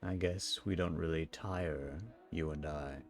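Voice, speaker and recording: A man playing a calm, wistful ancient sun champion, speaking slowly and solemnly in a live role-play. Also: a bass voice, gravelly, soft background music, heavily acted. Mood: reflective. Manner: slow, reflective, solemn storytelling.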